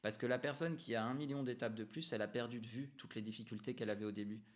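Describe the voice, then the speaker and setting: A man delivers business coaching straight to the viewer, talking freely rather than reading. He explains things step by step, hammers points home by repeating them, and often hesitates and corrects himself along the way. His voice sits at a middle pitch for a man. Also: fairly even intonation, fast. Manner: conversational, explanatory, emphatic repetitions; frequent hesitations and self-corrections. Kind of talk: unscripted advice to camera.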